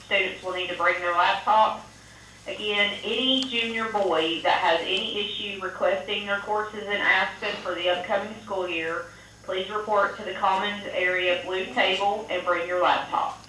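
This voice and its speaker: A woman making a formal school intercom announcement, brisk and businesslike, repeating her message. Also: mid-range voice, fairly even intonation, slight background noise. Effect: school intercom loudspeaker announcement. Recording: echoey loudspeaker heard from far off.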